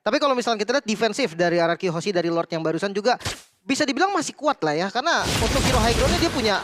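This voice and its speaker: A man's voice: high voice, animated, very fast, heavy background noise. A man with an Indonesian accent giving casual, colloquial esports match analysis in a conversational way. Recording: loud music under broadcast commentary.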